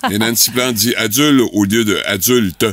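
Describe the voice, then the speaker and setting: A man's voice: fairly low pitch, normal speed. A man with a Quebec French accent co-hosting a radio show, reading listener comments and debating words. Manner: animated, talkative. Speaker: radio co-host. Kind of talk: casual radio banter.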